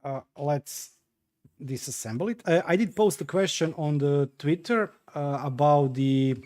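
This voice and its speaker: A slightly high yet darkish voice, unhurried in pace, belongs to a Croatian-speaking man streaming from home. As host he casually answers viewer comments, sounding hesitant and chatty, with plenty of fillers and restarts while he tinkers.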